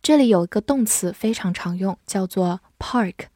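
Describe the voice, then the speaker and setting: A woman teaching English vocabulary, who spells out words letter by letter and reads example sentences slowly. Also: mid-range voice, dark tone, no room sound, clean studio sound. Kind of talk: vocabulary lesson.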